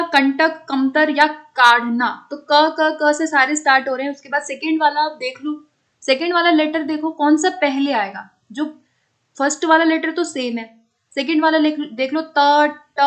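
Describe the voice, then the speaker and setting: A woman with a high voice teaches an online exam-prep class. She explains each answer step by step and keeps checking that her students follow along. English terms slip into her explanations. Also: fairly bright tone.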